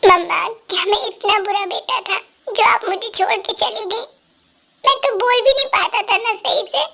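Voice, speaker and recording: A woman's voice: very high voice, moderate pace, gravelly, sharp tone, full character voice. A woman voicing a tearful little boy. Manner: tearful, plaintive. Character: sad little boy missing his mother.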